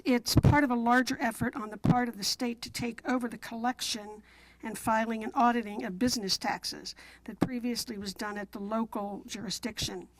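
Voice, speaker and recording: A woman's voice: fairly high pitch, low-quality recording. A woman city council member formally presenting motions and explanations at a meeting in a businesslike, procedural manner.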